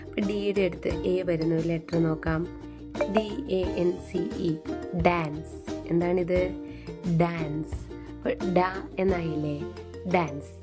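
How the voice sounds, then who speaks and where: A woman's voice: on the low side, steady tone, unhurried, pauses often. A woman teaching English phonics, patiently spelling out letters and repeating each word with faint music behind. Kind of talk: slow teaching in Malayalam.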